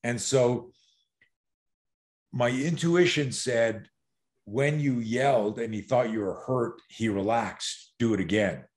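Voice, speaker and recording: A middle-aged man telling a story as a podcast guest, acting out voices and sounds and laughing often. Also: medium pitch. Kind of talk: animated storytelling in a podcast interview.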